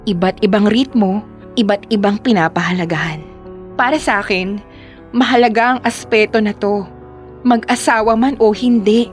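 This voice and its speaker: A woman's voice: mid-range voice, normal speed, soft background music, close to an everyday voice. An actress playing a frustrated young girlfriend in a radio drama, narrating her story in an earnest way. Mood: reflective. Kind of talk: radio drama acting and first-person narration.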